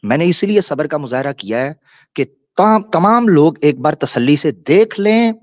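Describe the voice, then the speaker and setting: A man's voice: fairly high pitch, dry recording. A man hosting a live-stream debate, ranting in a taunting, mocking and crude way. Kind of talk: combative live-stream rant. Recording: dull lo-fi stream audio.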